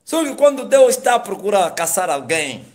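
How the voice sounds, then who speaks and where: Male preacher, fairly high voice, animated testimony with loud bursts and hushed asides, frequent hallelujahs. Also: normal speed. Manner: peppers speech with hallelujahs and laughs. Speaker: apostle giving his testimony.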